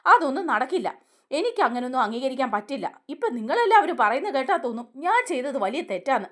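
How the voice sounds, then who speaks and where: A woman's voice: sits high, very animated, fast. A woman voicing a stubborn middle-aged mother who talks in an indignant, defensive, bitter way.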